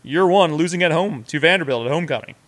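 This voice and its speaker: A man's voice: fairly high pitch, expressive, quick pace, fairly bright tone. A man putting on a pompous sports announcer voice. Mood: announcing.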